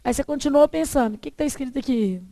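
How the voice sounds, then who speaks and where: A woman's voice: sits high, racing, dark tone, no echo. A Brazilian woman teaching a Portuguese class, putting questions to her students and answering them herself. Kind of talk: classroom lesson on exam questions.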